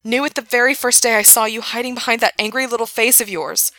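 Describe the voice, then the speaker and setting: A woman voicing Gerard, a desperate young man pleading with and shouting encouragement to the man he loves. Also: fairly high pitch, takes it slowly, dry recording, pitched above the performer's own voice. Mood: fierce. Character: young man, desperate, fiercely loving rescuer.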